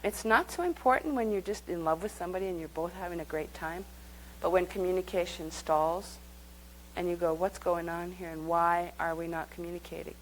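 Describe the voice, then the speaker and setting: A woman's voice: on the low side, a little fast, a little hiss or hum, rough recording. A woman leading a live workshop, speaking conversationally and guiding the group through exercises. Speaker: workshop teacher.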